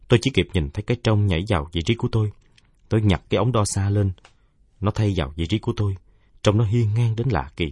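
A man's voice: lowish voice, a little mellow, slightly rough, dry recording, clean studio sound. A man reading a first-person story aloud in an earnest, emotional way. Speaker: narrator.

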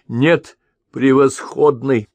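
A man voicing a solemn male khagan who declaims in a measured way. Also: medium pitch, steady tone, a little mellow, no echo, dull audio, pitched above the performer's own voice. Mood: grave. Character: solemn male Khazar khagan, cautious and grave.

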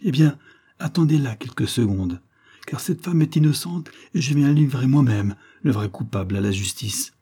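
A man's voice: medium pitch, animated, normal speed, warm tone, breathy edge, voice pushed up. A man reading the part of a poisoned young man, urgent and pleading. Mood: desperate pleading.

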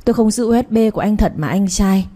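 A woman's voice: mellow, husky, natural voice. A woman voicing a frightened young woman who pleads tearfully with her captors, in a read-aloud story. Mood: tearful begging. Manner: tearful, begging, quick and high.

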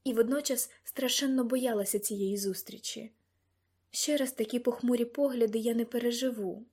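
A woman narrating a first-person audiobook in an even, measured way. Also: fairly high pitch, breathy edge.

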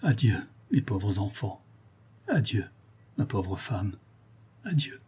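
A poor, grief-stricken father, tearful and pleading, his voice breaking between soft and raised, as a man puts him on. Husky and warm. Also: mid-range voice, expressive, moderate pace. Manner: pleading, emotional.

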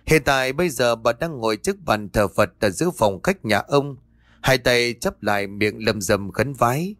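A man's voice: medium pitch, moderate pace, dry recording, clean studio sound. Man narrating a horror audiobook. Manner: steady storytelling, voices each character.

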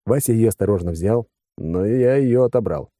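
Male audiobook reader, deep dark tone, dry close sound, wry. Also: normal speed, dry recording. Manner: wry, conversational. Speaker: audiobook narrator. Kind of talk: first-person audiobook narration.

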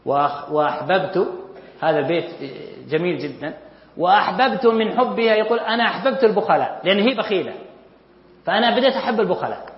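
A man lectures on classical poetry, reciting verses slowly and then unpacking them for his students. His voice sits high. The recording is dull and lo-fi, with the long echo of a large hall. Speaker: Arabic literature lecturer. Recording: echoey hall, dull lo-fi sound.

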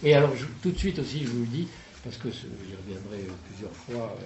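A man giving a public talk on a writer, halting and repeating words, with many fillers. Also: mid-range voice, animated, a little mellow. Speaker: lecturer. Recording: roomy hall with background noise.

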